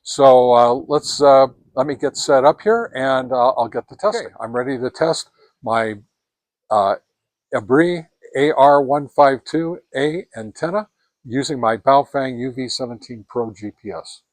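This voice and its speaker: An amateur radio product reviewer and host with a middle-pitched voice gives an informal, expressive review. He speaks haltingly and hesitantly, feeling his way through each point, in a dry recording with very little room sound.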